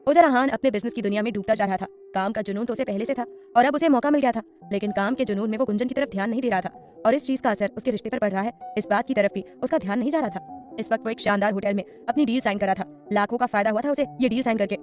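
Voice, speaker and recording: A woman storyteller narrating a serial story in a brisk, even reading. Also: on the high side, soft background music.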